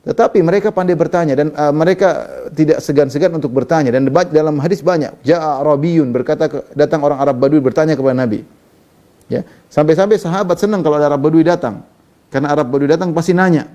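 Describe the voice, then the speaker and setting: A man delivers a hadith lesson at a quick clip, his voice pitched a little high yet mellow. He moves between recited Arabic lines and easy, filler-laced explanation. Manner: reads Arabic text then explains in Indonesian, conversational with fillers. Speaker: Islamic preacher. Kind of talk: sermon commentary on hadith.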